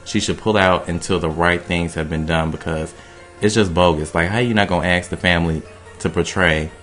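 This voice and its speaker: A man's voice: low-pitched, steady tone, fairly quick, fairly bright tone, faint music behind. A man co-hosting a radio talk show, giving emphatic, opinionated takes in long run-on sentences. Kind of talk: casual opinion chat.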